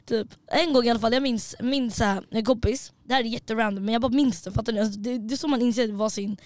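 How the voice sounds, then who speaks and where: A young woman co-hosting a podcast in casual chat, telling animated stories, acting out quotes and mixing in English words. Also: fairly high pitch, dry recording. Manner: animated storyteller, acts out quotes, mixes in English. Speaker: podcast co-host.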